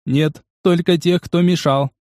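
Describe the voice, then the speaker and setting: A man reading a metallic robot, flat and impassive. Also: a little high, unhurried, no echo, clean studio sound, pitched above the performer's own voice, close to an everyday voice. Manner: flat, unemotional delivery. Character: battered male combat robot, impassive and literal. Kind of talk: audiobook narration.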